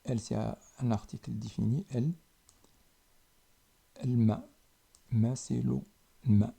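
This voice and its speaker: Slow, gravelly, dark-voiced man teaching. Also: mid-range voice, fairly even intonation. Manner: slow and deliberate, repeating each word with pauses. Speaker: language teacher. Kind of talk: slow spoken lesson.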